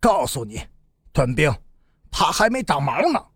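A man's voice: fairly high pitch, sing-song, measured pace, fairly bright tone, slightly rough, no echo, clean studio sound, heavily acted. A man voicing a bitter, cynical young brawler who sneers defiantly. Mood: vicious.

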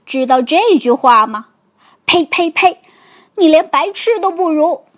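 A woman voicing a bossy big bully bear boy who taunts loudly in a storybook. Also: sits high, lively intonation, a little slow. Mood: taunting. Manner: taunting, loud.

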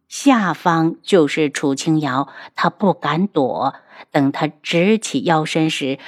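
Slow, low-voiced woman narrating. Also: no room sound, clean studio sound. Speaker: audiobook narrator. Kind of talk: scripted web novel narration.

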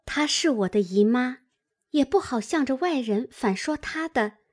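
Lady reading as a chatty young maid girl, kinda high, gossipy and indignant. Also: animated, unhurried. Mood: chattering.

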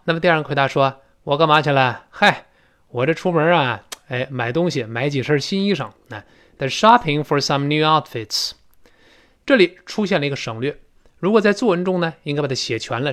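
A man's voice: a little high, a bit bright. Man drilling English phrases. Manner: drills phrases slowly, repeating them. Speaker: English teacher. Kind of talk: recorded language lesson.

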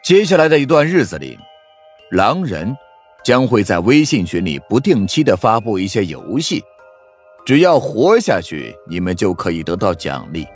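A man voicing a sly male werewolf villain who taunts slowly and laughs as he speaks. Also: lowish voice, sing-song, soft background music. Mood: taunting. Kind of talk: audiobook character voice.

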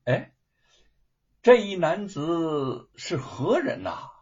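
A male storyteller voicing an upright official who speaks in a formal, measured way. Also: a little high, huge pitch swings, a little mellow, breathy edge, pitched above the performer's own voice, exaggerated voice. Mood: puzzled. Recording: dull lo-fi recording.

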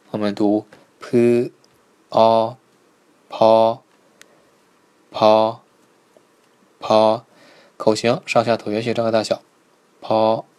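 A man teaching a live online pronunciation lesson, patiently repeating each sound slowly and checking in with his students. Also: medium pitch, darkish tone. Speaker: Korean language teacher.

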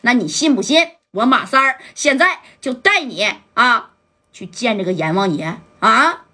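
A woman's voice: fairly high pitch, animated, unhurried, pushed and bright, heavily acted. A woman voicing a hot-tempered male gangster who interrogates and threatens a captive. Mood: menacing. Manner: menacing, interrogating.

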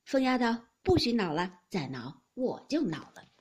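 A woman voicing an elderly grandmother who heads a great household, scolding sharply and lively in a breathy voice. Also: fairly low pitch, normal speed, full character voice. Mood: teasing. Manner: sharp scolding, then teasing. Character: elderly matriarch grandmother, scolding yet doting.

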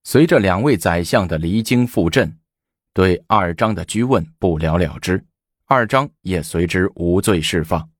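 Lively male history storyteller. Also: low voice, a little slow, no echo, clean studio sound. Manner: expressive, animated storytelling.

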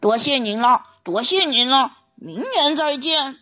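A woman's voice: high-pitched, expressive, a little slow, sharp tone, highs cut off, soft background music, heavily acted. A woman voicing a nervous, anxious dentist in a children's storybook, stammering and fretful. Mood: relieved.

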